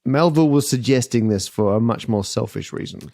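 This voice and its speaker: A man's voice: mid-range voice, fairly quick, vocal fry, warm tone, dry recording, studio quality. A man hosting a podcast panel game, explaining answers wryly. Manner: wry, explanatory. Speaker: quiz host.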